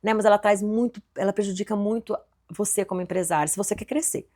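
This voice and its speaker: A Brazilian woman from Goiás, a business owner telling her story as a podcast guest in animated, quick talk with frequent restarts. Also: medium pitch. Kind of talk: casual interview chat.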